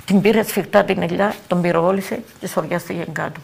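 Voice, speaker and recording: An older woman with a Cypriot Greek accent giving halting eyewitness testimony, repeating words and phrases as she talks. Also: on the low side, gravelly, a little mellow, breathy edge. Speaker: eyewitness interviewee.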